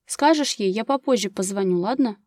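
A woman reading the part of an anxious, overworked young woman who talks in a tense, agitated way and flares up easily, pitched above her narrating voice, in a dry recording of an audiobook. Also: lively intonation, fairly quick, a little mellow, dry recording, natural voice.

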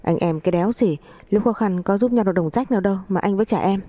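A woman's voice: mid-range voice, fast talker, dark tone, dry recording, close to an everyday voice. A woman voicing a rude, hot-tempered younger man who snaps back insolently at his family. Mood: defiant angry.

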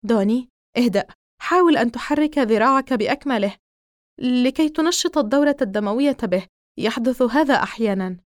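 A worried young man, as a woman reader puts him on, urgent and reassuring in a slightly high voice. The sound is close and dry, like an audiobook character reading. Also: animated, a little fast, no echo, close to an everyday voice.

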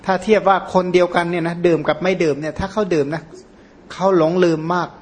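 A monk whose first language is Khmer, giving an informal, rambling Dhamma talk with many fillers and self-corrections. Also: male voice, high voice, fairly even intonation, fast talker, slight background noise. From Surin, Thailand. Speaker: Buddhist monk teacher.

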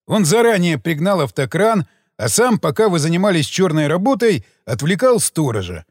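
A man reading an audiobook, voicing a deliberate male detective who speaks slowly, measured and knowing. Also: a little high, big pitch swings, no room sound, clean studio sound.

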